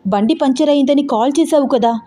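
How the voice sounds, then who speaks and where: A woman's voice: sits high, fairly quick, warm tone, pitched above the performer's own voice, close to an everyday voice. A woman doing a fretful, scolding mother. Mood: worried. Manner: worried, calling and scolding. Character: anxious, protective mother of two girls.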